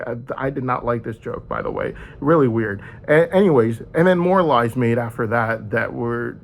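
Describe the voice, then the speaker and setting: A man's voice: mid-range voice, creaky. A man giving a rambling personal monologue in an aggrieved tone, mixing in jokes.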